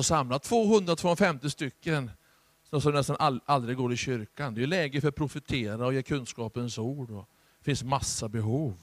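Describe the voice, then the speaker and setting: A Swedish man preaching a charismatic sermon as pastor, swinging from hushed asides to loud exhortation. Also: mid-range voice, dry recording.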